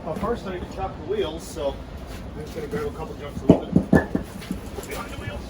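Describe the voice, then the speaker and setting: A man's voice: fairly high pitch, fast. Rambling man in the wind. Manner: relaxed, rambling with fillers. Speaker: car builder vlogger. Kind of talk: casual shop vlog. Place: outdoors in wind and in a garage shop. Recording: noisy outdoor wind and traffic.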